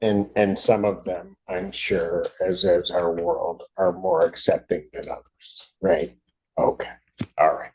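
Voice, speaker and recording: A man serving as judge in a court hearing, speaking carefully and apologetically with many pauses and restarts. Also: low voice, steady tone, a little mellow, breathy edge, muffled recording. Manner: apologetic, measured.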